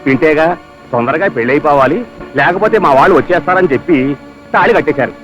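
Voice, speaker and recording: A man's voice: a little high, animated, fast talker, over loud music, close to an everyday voice. A man playing a gossipy temple priest. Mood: smug. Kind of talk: film comedy acting. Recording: loud film score behind.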